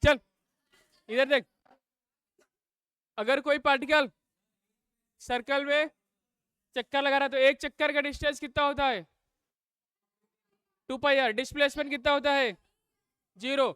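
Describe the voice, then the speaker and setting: A male teacher runs a live classroom lesson. His voice is very high and bright, and it comes through dry and close. He drills students with repeated questions and snaps at whoever talks. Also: dry recording. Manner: drills class with call-and-response questions, scolds noisy students.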